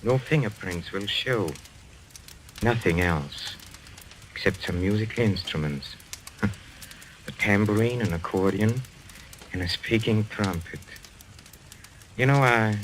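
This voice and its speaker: In a noisy old radio recording, a man plays a suave, theatrical Frenchman, a séance medium under suspicion, in an old-time mystery. His fairly low voice moves slowly with long pauses, grave and composed, courteous but faintly mocking.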